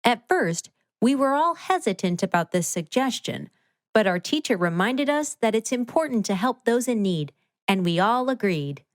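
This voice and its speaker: Here a somewhat high-voiced woman gives an expressive scripted reading of a children's storybook. She keeps a moderate pace, and the recording is dry.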